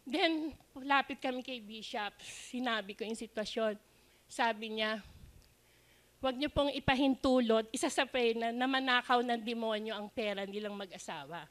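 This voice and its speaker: Older woman, Filipino accent, high voice, earnest church testimony. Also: normal speed, a bit bright. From Philippines. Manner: earnest, mixing in English phrases. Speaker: church member giving testimony.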